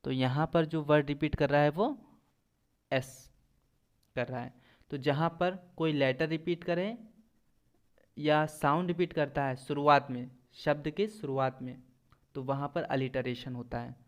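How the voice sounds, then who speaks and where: A man teaching English poetic devices in Hindi, reading out English examples slowly and then explaining them, often asking a question and answering it himself. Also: a little high, fairly even intonation. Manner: asks and answers his own quiz questions.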